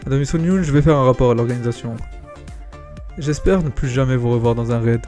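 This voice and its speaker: A man's voice: medium pitch, brisk, darkish tone, soft background music, lightly acted. A man voicing a stern male raid leader in a game, reproachful and formal.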